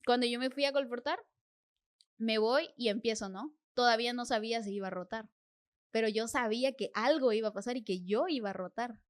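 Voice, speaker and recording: A young woman with a fairly high voice tells her faith testimony as a podcast guest. She speaks earnestly and replays her prayers as little conversations with God. The tone stays sincere and storytelling. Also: brisk.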